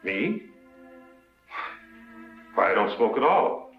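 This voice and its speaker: A man's voice: lowish voice, big pitch swings, slow, gravelly, soft background music, full character voice. An actor playing a defensive, formal male scientist in a 1950s film drama. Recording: dull, echoey old film soundtrack.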